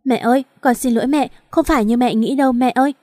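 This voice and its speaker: A woman's voice: sits high, fairly even intonation, quick pace, mellow, no echo, studio quality, close to an everyday voice. A woman voicing a scheming, spiteful young wife who pleads and begs. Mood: pleading. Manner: pleading, begging.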